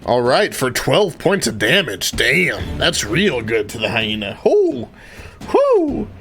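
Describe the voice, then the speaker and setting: Slow-paced, expressive male game master. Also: mid-range voice. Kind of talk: casual tabletop game narration. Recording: music playing behind the voice.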